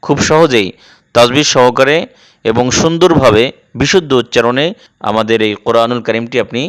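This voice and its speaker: A man teaching Quran recitation, explaining heavy letter sounds slowly and deliberately and repeating each sound to demonstrate it. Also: mid-range voice, clear, resonant tone, no room sound. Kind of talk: instructional explanation.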